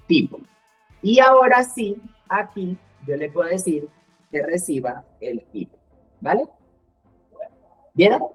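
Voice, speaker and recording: A woman teaching a live coding class, explaining step by step and checking in with the students. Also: deep voice. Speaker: programming instructor.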